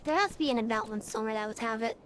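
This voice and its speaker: Her voice fed through an AI voice changer, a female streamer races along in casual, rambling chat thick with fillers. The pitch is fairly high, and there's slight background noise.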